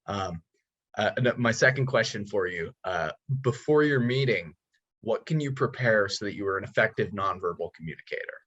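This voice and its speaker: Husky low-voiced male interviewer. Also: lively intonation, a bit bright, highs cut off. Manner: affirming, measured, some hesitation. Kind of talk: interview questions.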